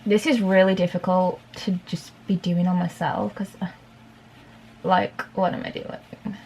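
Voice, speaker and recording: A young woman chatting away to her camera at home, rambling and full of fillers. Her voice carries a gravelly fry, with a faint hiss behind it. She keeps talking to herself as she works. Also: lowish voice, flat delivery, measured pace, darkish tone. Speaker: beauty vlogger. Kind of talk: casual chatty vlog.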